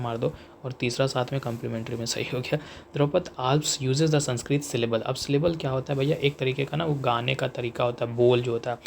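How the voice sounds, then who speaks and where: Gravelly young Indian man teaching casually. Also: mid-range voice, a little hiss or hum. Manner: chatty, repeats "theek hai", reads English slowly. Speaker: exam coaching teacher. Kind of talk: casual explanatory lecture.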